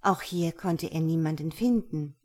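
A woman narrating a fairy tale in a calm, measured reading voice. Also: low voice. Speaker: storyteller.

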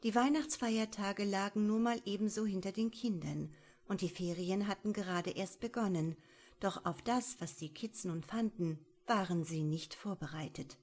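A woman narrating a crime story as a scripted audiobook in a steady storytelling manner. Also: medium pitch, normal speed.

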